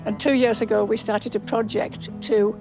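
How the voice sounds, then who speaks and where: A woman in her seventies with a Cumbrian accent, talking casually to camera with halting pauses. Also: fairly high pitch, steady tone. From Cumbria, England. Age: 70s. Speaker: animal rescue charity founder. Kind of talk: casual documentary interview. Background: music.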